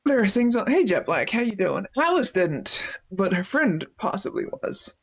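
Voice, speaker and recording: A female Twitch streamer with a husky, mid-range, sing-song voice talks at a moderate pace. On her live stream she casually reads chat messages, thanks her viewers and swears freely.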